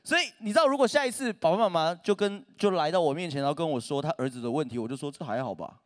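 Animated young male pastor. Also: on the high side, racing. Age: 30s. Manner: animated storytelling with self-mocking jokes. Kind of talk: humorous sermon. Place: church stage.

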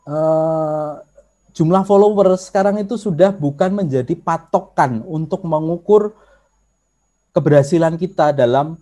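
Running an online workshop by video call, this Javanese-accented man speaks at a fairly high pitch in an unhurried, mellow way. He explains things patiently and frequently addresses his audience directly.

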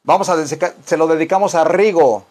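A man's voice: fairly high pitch, fast, a little mellow. A man with a Mexican Spanish accent teaching English on a live stream, joking and rambling with his viewers. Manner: playful, rambling, teasing asides to viewers.

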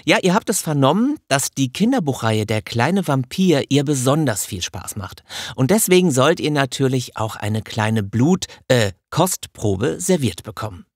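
Guy hosting a podcast, gravelly voice, dry studio. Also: mid-range voice, very animated, normal speed, no room sound. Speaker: podcast host. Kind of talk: podcast interview.

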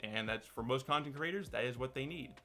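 A man's voice: medium pitch, a little fast, pushed and bright, faint music behind. A man hosting his own channel, talking casually to camera in a loose, rambling way with many restarts. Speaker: channel host. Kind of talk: casual talk-to-camera commentary.

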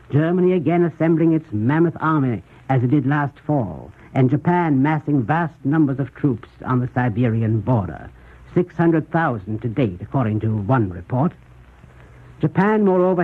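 A man giving scripted 1930s radio news commentary in a measured, formal, rhetorical manner, with a husky voice. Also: fairly high pitch. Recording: muffled, tinny 1930s radio recording.

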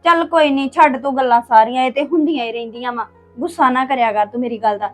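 A woman's voice: high voice, fast talker, soft background music, close to an everyday voice. A young woman playing a girl from a poor home in an amateur family drama, earnest and pleading. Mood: coaxing.

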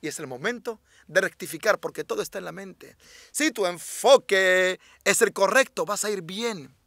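A rabbi teaches a religious class in a high, bright voice. He is emphatic, drives his points home by repeating them, and poses rhetorical questions to his listeners. The sound is dry and close, with no room echo. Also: moderate pace, gravelly.

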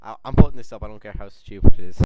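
A man's voice: on the low side, very fast, dull audio, heavy background noise. A tipsy young man hosting a homemade web show, rambling with mock-pompous speeches.

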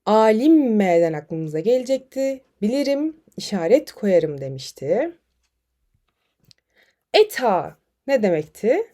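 A woman's voice: medium pitch, slow pace. A woman teaching Quranic vocabulary in an online lesson, explaining memory tricks and reading short dialogues aloud. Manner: lively, addresses students as friends, reads dialogues aloud.

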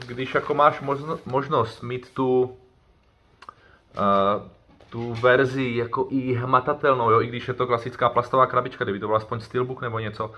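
A man's voice: mid-range voice, highs cut off. A man chatting casually as he unboxes items for his vlog, rambling and correcting himself as he goes. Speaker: YouTuber doing an unboxing.

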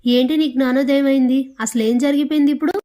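A woman voicing a young husband who tries to calm his family in a pleading, placating manner. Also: sits high, fast, natural voice.

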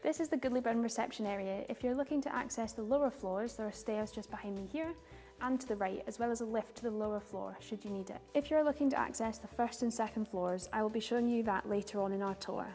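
A young woman giving a scripted guided tour, calm and informative like a guide, speaking clearly. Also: on the high side, fast. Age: young adult. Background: background music.

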